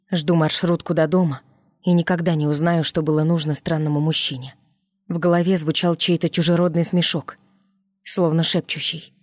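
A woman with a low voice narrates a first-person story in a steady, measured way. Her delivery is calm and scripted, recorded close and dry with no room sound. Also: dry recording.

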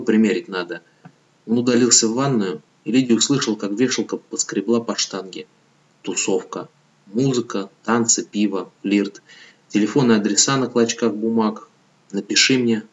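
A man reading an audiobook novel in calm, measured scripted narration, on a dull lo-fi recording. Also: lowish voice.

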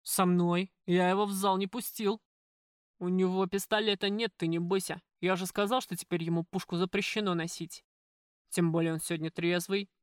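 A woman voicing a crude, pushy male restaurant boss in an audiobook, gruff and wheedling by turns. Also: lowish voice, steady tone, moderate pace, no echo, studio quality, lightly acted. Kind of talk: audiobook character voice.

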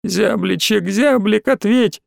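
A man reading a story aloud, voicing a frightened young boy who pleads in a high, tearful, near-sobbing voice. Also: moderate pace, a little mellow, dry recording, clean studio sound, natural voice. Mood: tearful pleading. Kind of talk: audiobook character voice.

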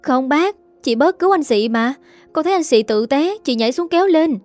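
An earnest little village girl from a storybook, voiced by a woman narrator. She pleads in a raised, mellow voice. Soft music sits underneath. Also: high voice, animated, a little fast, voice pushed up. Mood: pleading.

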